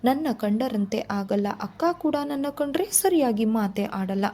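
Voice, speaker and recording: A woman's voice: fairly high pitch, lively intonation, moderate pace, warm tone. A woman reading as a worried older mother-in-law. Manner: coaxing, sighing.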